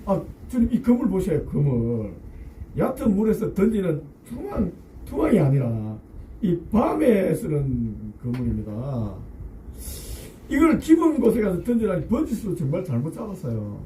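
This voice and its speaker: A man's voice: sits high, wildly swooping pitch, normal speed, warm tone, echoey room, far from the mic, slight background noise, rough recording. A man playing a weary adult fisherman who grumbles and pleads in an inner monologue. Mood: arguing.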